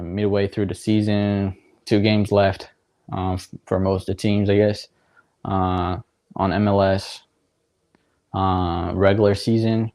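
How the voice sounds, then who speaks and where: Rambling low-voiced young man. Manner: relaxed, rambling, filler-heavy, laughs often. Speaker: livestream watchalong host. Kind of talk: casual live commentary.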